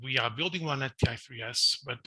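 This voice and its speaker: A man's voice: medium pitch, fast talker, pushed and bright, husky, dry recording, poor audio. A man from Portugal, giving an online conference talk in a self-deprecating way, often restarting his sentences. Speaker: invited speaker.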